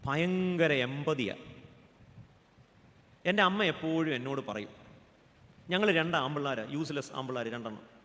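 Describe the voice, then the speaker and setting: Male Keralan pastor, joking sermon, high bright voice, long hall reverb. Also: normal speed, pauses often. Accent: Keralan Malayalam. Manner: joking, asks the audience questions. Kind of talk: humorous sermon.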